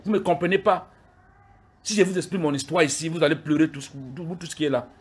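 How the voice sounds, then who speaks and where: Speaking quickly in a husky, slightly high voice, a middle-aged man from Cameroon lashes out at his critics during an angry livestream. He confronts them directly as a live video streamer and keeps repeating himself.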